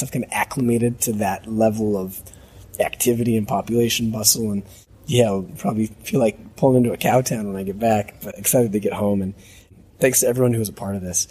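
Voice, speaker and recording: A man with a hoarse smoker's rasp, talking as host in a casual, reflective, off-the-cuff audio diary and often repeating a phrase as he goes. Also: mid-range voice, dark tone. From United States. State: hoarse voice from a long trip. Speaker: podcast host.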